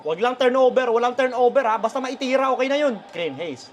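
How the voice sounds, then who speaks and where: A man's voice: very high-pitched, fairly quick. A man reacting live to a basketball game as a fan, calling out players, swearing and laughing at the plays.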